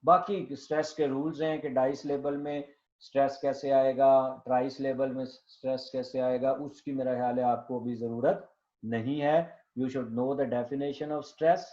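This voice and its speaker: A middle-aged male professor giving a classroom lecture, slow and patient, checking often that students follow and dictating definitions word by word. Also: mid-range voice, flat delivery, a little mellow. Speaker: professor teaching linguistics. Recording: dull lo-fi classroom recording.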